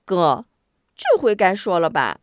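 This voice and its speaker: A sly little village girl from a storybook, shrill and bossy, her voice leaping high and dropping fast, as a woman puts her on. The sound is close and dry. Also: very animated, a bit bright, no echo. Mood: teasing.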